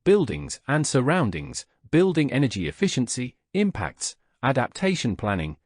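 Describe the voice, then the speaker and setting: Man giving a lively, measured lecture. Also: mid-range voice, no room sound, clean studio sound. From Slovakia. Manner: measured, deliberate delivery with rhetorical questions. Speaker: lecturer, vice president of a research institute. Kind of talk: prepared conference lecture.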